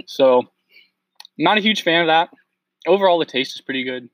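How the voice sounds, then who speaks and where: A man's voice: fairly high pitch, moderate pace, dry recording. A man co-hosting a casual podcast, easygoing and blunt in his opinions, laughing often. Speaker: podcast co-host. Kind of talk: casual chat.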